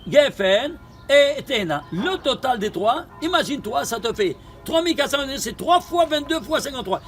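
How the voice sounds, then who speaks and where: A man teaching a Torah lesson with gematria, animated and questioning, repeating phrases. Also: extremely high pitch, normal speed, faint music behind. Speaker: rabbi teaching Kabbalah.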